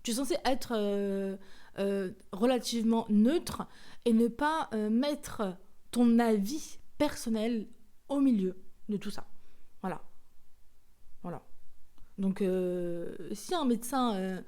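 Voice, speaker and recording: Woman, Marseille accent, warm voice, podcast monologue, lots of pauses and restarts, blunt and indignant. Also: fairly high pitch. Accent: Marseille French. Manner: hesitant, many fillers and restarts; outspoken and indignant. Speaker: podcast host.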